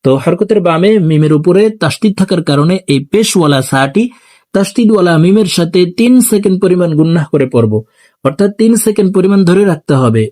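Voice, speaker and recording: A man teaching Quran recitation, explaining pronunciation rules and then reciting verses slowly and drawn out for viewers to repeat after him. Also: sits high, animated, warm tone.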